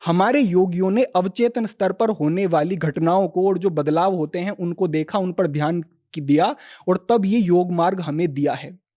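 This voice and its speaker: A man speaking as a yoga teacher on a podcast, calmly explaining spiritual ideas and quoting Sanskrit verses. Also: high voice, normal speed.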